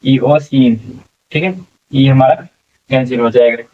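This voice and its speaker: Slow Hindi-speaking man teaching English spelling. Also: mid-range voice, steady tone, distant mic. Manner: spells words letter by letter, repeating and asking "what will it become?". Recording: tinny phone-like sound from off mic.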